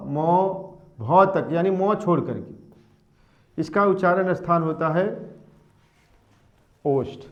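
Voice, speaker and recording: A male teacher giving a classroom grammar lesson, patiently repeating and drilling each point one by one. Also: high voice. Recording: dull lo-fi sound.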